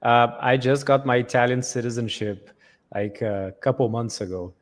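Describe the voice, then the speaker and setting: A man's voice: medium pitch, flat delivery, normal speed. A man interviewing a guest, putting in brief interjections and casual personal asides. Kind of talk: conversational interview.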